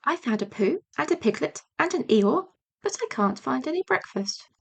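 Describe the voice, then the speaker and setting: A woman's voice: sits high, sing-song, moderate pace, vocal fry, slightly rough, exaggerated voice. A woman voicing a big, eager young tiger in a children's story, with exuberant, boastful, childlike bursts. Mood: eager, important.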